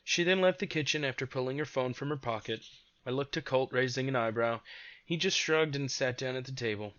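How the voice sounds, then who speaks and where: Bright male audiobook narrator, dry sound. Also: medium pitch, fairly quick, no room sound. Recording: dull lo-fi dry recording.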